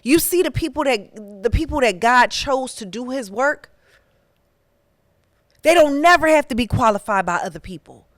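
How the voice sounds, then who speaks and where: A woman's voice: high voice, expressive, moderate pace, no room sound, clean studio sound. A woman hosting a podcast, talking in a casual, candid way that turns preachy. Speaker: podcast host.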